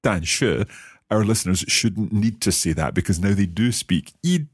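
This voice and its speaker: A man hosting a language lesson podcast, trying out phrases slowly and asking curious questions. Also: fairly low pitch, expressive, husky, dry recording, clean studio sound. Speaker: language course host.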